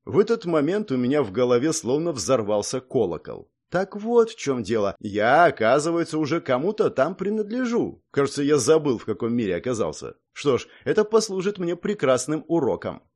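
A man narrating a fantasy audiobook in the first person, expressive and acting out the dialogue. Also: medium pitch, brisk, hardly any pauses. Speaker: audiobook reader.

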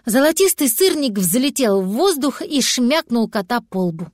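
A woman narrating a children's storybook in a lively, expressive way. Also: on the high side, a little slow, dry recording, studio quality. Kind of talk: storybook reading.

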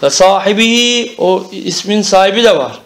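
A man's voice: high voice, animated, moderate pace. A man teaching an Arabic grammar lesson, explaining step by step and often checking that the class understands.

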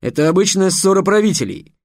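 Мужчина-чтец озвучивает строгого, насмешливого декана, обучающего ассасинов; говорит наставительно и повелительно. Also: male voice, sits high, expressive, fast, a little mellow, no room sound, studio quality, voice pushed up. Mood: indignant. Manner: lecturing, sarcastic, commanding. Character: stern, scornful male dean teaching assassins. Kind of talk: audiobook character voice.

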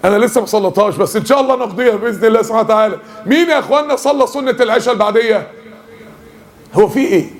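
A man with an Egyptian Arabic accent preaches in a mosque lesson. His voice sits very high and he talks fast. He jokes and keeps asking the crowd questions. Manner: lively, joking, asks the audience questions.

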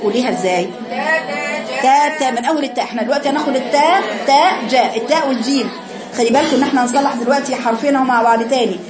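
High-voiced Egyptian woman teaching recitation. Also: very fast, reverberant, a crowd in the background. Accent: Egyptian Arabic. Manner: patient, demonstrates sounds by chanting them. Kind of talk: tajweed lesson, correcting students.

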